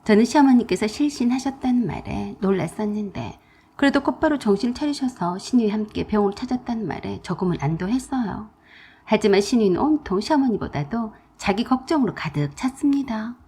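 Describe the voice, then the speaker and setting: A woman narrating a dramatic radio story in a confiding, expressive way. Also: medium pitch, brisk, slightly rough.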